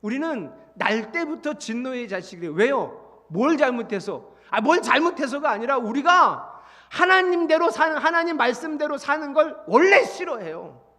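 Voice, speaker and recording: A middle-aged male pastor preaching a sermon in a church, lively, with rhetorical questions and acted-out dialogue. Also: very high-pitched, normal speed. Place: church sanctuary. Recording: long church reverb.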